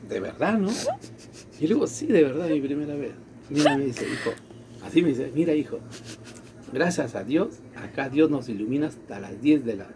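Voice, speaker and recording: A man from Latin America, his voice on the high side with slight background noise, tells a personal story in a casual way. He brings quoted dialogue to life with animated delivery.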